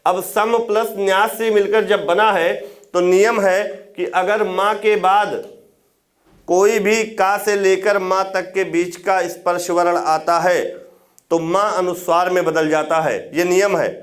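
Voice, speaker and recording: A man with a fairly high voice teaches a Hindi grammar lecture for exam preparation. He goes step by step, repeats key words so students can write them down, and keeps checking in with short questions. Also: fairly even intonation, a little slow. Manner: explains step by step with tag questions.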